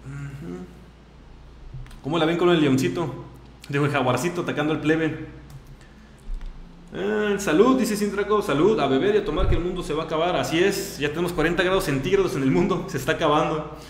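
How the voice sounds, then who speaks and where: A man with a Mexican Spanish accent hosts a radio show, joking and chatting quickly in a slightly high voice. The studio sounds echoey, with faint ambience behind him. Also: a little hiss or hum. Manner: chatty, joking, sympathetic asides. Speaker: radio host. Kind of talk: casual radio banter.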